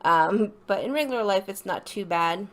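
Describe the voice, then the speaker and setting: A woman's voice: mid-range voice, lively intonation, normal speed, a bit bright. A woman with a slight lisp giving a casual, rambling voice-over for an art video, with informal apologetic asides.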